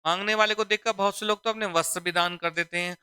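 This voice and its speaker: Bright, crisp-voiced Hindi teacher, man. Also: sits high, steady tone, no echo. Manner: repeats questions to students, calling them "beta" and "bachchon"; drawn-out, deliberate explaining. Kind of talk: exam-prep lesson.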